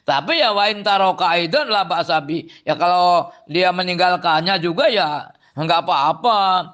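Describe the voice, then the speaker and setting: A man with a Cirebon Javanese-tinged accent, reading a classical religious text aloud and explaining it to students in an animated way, exclaiming and chuckling often. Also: sits high, normal speed. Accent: Cirebon Javanese-tinged Indonesian. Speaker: Islamic boarding school teacher.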